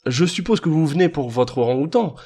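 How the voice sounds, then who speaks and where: A man's voice: fairly high pitch, animated, brisk, mellow, pitched above the performer's own voice. A man reading an audiobook, voicing a sly, assured male detective with a cordial, persuasive manner.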